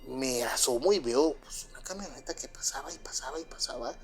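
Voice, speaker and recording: A man with a Mexican accent tells a true story from his own life, rambling and leaning heavily on fillers like "pues" and tag questions like "¿verdad?". His medium-pitched voice moves briskly over faint background music.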